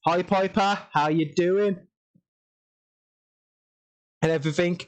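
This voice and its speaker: A young man chats casually to his stream viewers in a slightly high voice. He sounds tired and rambles, full of ums, restarts and the same few phrases again and again. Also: steady tone, takes it slowly. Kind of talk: casual livestream chat.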